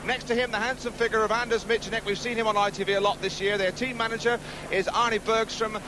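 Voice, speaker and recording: High-pitched male sports commentator. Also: flat delivery, fast talker, noisy background. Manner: punchy, colourful broadcast patter. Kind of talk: live speedway commentary and presentation. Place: outdoor stadium commentary position. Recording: 1970s outdoor stadium TV broadcast.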